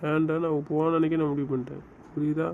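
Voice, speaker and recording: A man's voice: on the high side, little pitch movement, fast talker. A man acting a bitter, stubborn character in an amateur web drama. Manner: bitter, stubborn, insists he is done with her. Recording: slightly muffled, faint background hiss.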